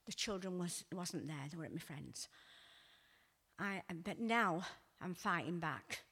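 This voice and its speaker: An older woman tells her own life story in a halting, emotional way. She restarts her sentences and sighs as she goes. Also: on the low side, lively intonation, pushed and bright, slightly rough. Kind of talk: personal testimony.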